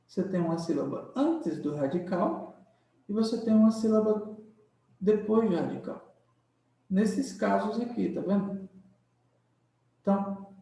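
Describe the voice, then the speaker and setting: Slow-talking teacher in an echoey room. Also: male voice, sits high, creaky, warm tone. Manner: drawn-out explaining, frequent "tá?" check-ins. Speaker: Portuguese grammar teacher. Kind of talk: classroom lecture. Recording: very echoey room, mic far off.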